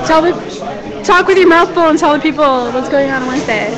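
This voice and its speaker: Chatty high-voiced woman streaming from phone. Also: brisk, poor audio. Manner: chatty, scattered, laughs easily. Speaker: livestream host. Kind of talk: casual chat. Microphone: phone held close. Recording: phone recording with crowd noise.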